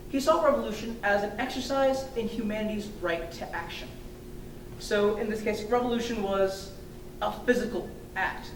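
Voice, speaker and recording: A young woman giving a student thesis defense presentation in a hesitant, halting way with informal hedging asides. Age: young adult. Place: indoor room, recorded from a distance. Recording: echoey room, distant mic, rumbling noise.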